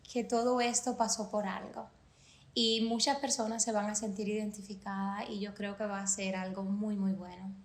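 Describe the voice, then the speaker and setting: A woman's voice: medium pitch, reverberant. A Cuban woman in her forties with a Cuban Spanish accent, earnestly telling her life story as a podcast guest. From Cuba. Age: 40s. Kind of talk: personal testimony in a podcast interview.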